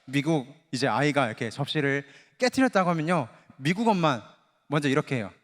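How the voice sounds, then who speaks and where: A young-sounding man from Chungcheong preaches a Wednesday Bible talk with a high, very lively voice that leaps around in pitch. He keeps the congregation involved with questions and playful imitations. The sound carries the long reverb of a church sanctuary. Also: a little fast. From Chungcheong, Korea. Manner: animated, asks the congregation questions and mimics voices. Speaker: junior pastor. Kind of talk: Wednesday Bible exposition sermon.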